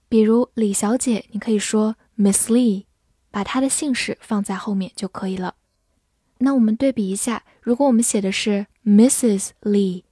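Breathy woman teaching English words. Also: fairly high pitch, mellow, dry recording, studio quality. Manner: clear, patient, repeats words slowly. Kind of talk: vocabulary lesson.

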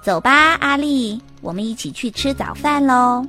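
A woman's voice: sits high, expressive, measured pace, soft background music, heavily acted. A woman voicing a patient, soothing mother bear in a children's storybook. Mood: tender. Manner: soft, soothing, reassuring.

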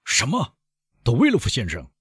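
A man voicing a stern middle-aged male presiding judge who speaks loudly and commandingly. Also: medium pitch, huge pitch swings, moderate pace, slightly rough, dry recording, clean studio sound, voice pushed up, heavily acted. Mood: alarmed. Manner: loud, commanding, exclaiming.

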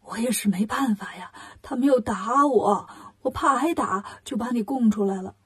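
A woman voicing a timid, fretful old male monk in a storybook reading, speaking softly and meekly. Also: on the high side, normal speed, husky. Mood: meek pleading.

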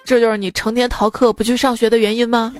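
A woman's voice: a little high, flat delivery, quick pace, over music. A woman hosting a comedy radio show, reading jokes in a playful, teasing way and acting out the characters' lines. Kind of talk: comic joke reading.

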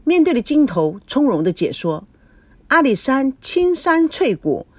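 A woman's voice: sits high, unhurried, no echo. A woman narrating a novel in scripted storybook style, voicing every character. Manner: expressive, voices every character. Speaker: audiobook narrator.

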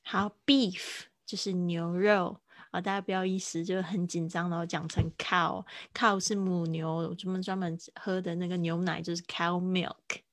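A woman teaching English words in a casual live-streamed lesson, chatting and repeating each word slowly to model how it sounds. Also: lowish voice, little pitch movement, no echo. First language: Mandarin.

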